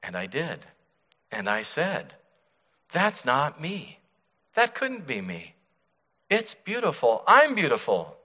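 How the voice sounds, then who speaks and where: Guy putting on a teacup voice, high and strained, pleading, bright tone, big echoey church. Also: wildly swooping pitch, slow pace, pauses often, heavily acted. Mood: pleading, anguished. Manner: cries out in high strained bursts. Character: suffering clay teacup, pleading and frantic.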